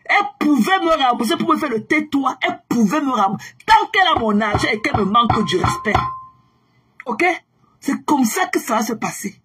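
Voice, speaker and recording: A woman ranting angrily on her own livestream, taunting viewers with repeated mocking questions and bursts of shouting. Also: high-pitched, lively intonation, brisk, husky, faint music behind. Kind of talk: angry livestream rant at viewers.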